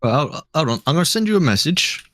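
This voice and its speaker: A man's voice: on the high side, sing-song, fast talker, bright, forceful tone, dry recording. Dry-sounding man thinking aloud. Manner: thinks aloud, restarts and spitballs ideas. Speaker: guest commentator. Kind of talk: casual chat.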